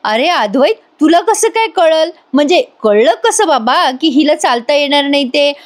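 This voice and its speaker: A woman's voice: sits high, animated, moderate pace, voice pushed up. A woman doing a kindly old grandfather. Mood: reassuring. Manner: gentle, reassuring.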